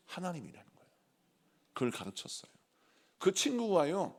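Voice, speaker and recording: A male pastor delivers a sermon in a high, expressive voice. His pitch rises and falls sharply as he builds his points. He acts out the people in his stories, shifting into their voices and back again. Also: gravelly.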